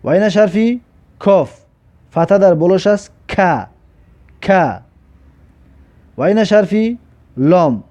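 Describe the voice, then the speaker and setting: Tajik-accented male tutor, higher voice, slow drilled letter lesson, repeats and stretches each syllable, dull lo-fi audio. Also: dark tone. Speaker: Arabic alphabet teacher. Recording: dull lo-fi recording.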